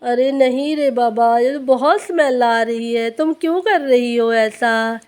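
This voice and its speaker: A woman's voice: fairly high pitch, unhurried, a little mellow, natural voice. A woman voicing a fussy young girl doll who whines and pleads in a doll play story. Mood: disgusted. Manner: whiny, pleading.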